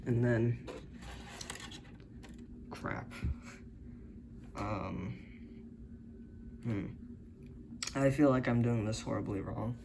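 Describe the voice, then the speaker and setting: A hobbyist building circuits thinks aloud as he tinkers, hesitant and unsure, correcting himself often. His medium-pitched voice is gravelly, a little mellow, and slow. The camera's built-in mic captures noisy audio.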